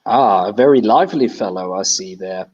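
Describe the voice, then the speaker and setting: A man voicing a grizzled, polite middle-aged gentleman in a tabletop game. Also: lowish voice, moderate pace, close to an everyday voice. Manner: courteous, formal. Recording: dull lo-fi.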